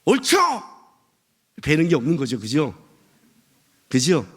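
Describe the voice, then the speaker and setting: A man preaching a sermon as pastor, animated and full of rhetorical questions to the congregation. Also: a little high, fairly quick.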